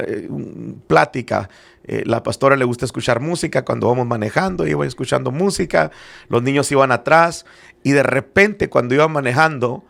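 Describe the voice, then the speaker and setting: Gravelly-voiced middle-aged man teaching. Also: medium pitch, a bit bright. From Spanish-speaking background, living in Arizona. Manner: earnest, with frequent hesitant fillers. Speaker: apostle and church founder.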